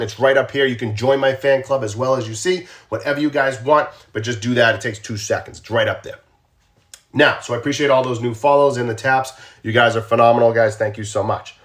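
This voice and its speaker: A man's voice: mid-range voice, fairly bright tone. A man with a Boston accent, a former police officer, talking casually to viewers on a livestream and often asking them questions. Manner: conversational, asks viewers questions, repeats himself. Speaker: true crime live streamer, former law enforcement.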